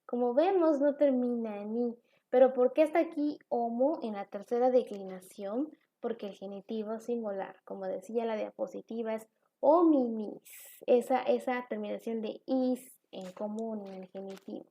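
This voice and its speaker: A woman's voice: fairly high pitch, moderate pace, mellow. A woman teacher giving a recorded online class, explaining step by step with examples.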